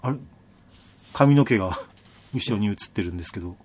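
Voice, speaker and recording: A man's voice: on the low side, expressive, a little fast, darkish tone. A man hosting a casual chat, steering the talk with teasing jokes and frequent short replies. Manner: joking interjections, frequent backchannels. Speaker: podcast host.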